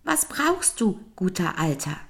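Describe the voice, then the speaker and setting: A woman voicing a kind magical golden fish who gently reassures an old man in a fairy-tale reading. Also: on the low side, very animated, unhurried, gravelly, voice pushed up, exaggerated voice. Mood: soothing.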